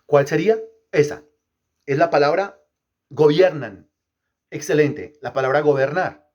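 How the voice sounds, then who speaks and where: Pastor, male, fairly high pitch, emphatic teaching sermon, quizzes the congregation, repeats lines for rhythm. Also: unhurried, a little mellow, muffled recording. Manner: asks the congregation questions and repeats phrases.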